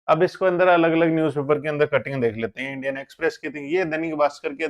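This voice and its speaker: Man teaching exam current affairs, quizzing. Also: on the high side. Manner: explains step by step, keeps asking rhetorical questions and checking with "theek hai?".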